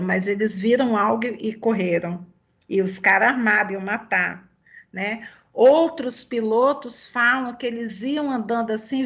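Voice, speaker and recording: A woman with a Brazilian Portuguese accent leading a Bible study, chatty and fervent, sharing personal testimony in a conversational way. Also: on the high side. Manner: chatty, fervent, peppers talk with "sabe?". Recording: dull lo-fi recording.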